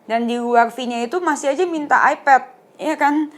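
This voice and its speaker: A woman hosting a casual interview, prompting her guest with quick questions and short replies. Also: high voice. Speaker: host.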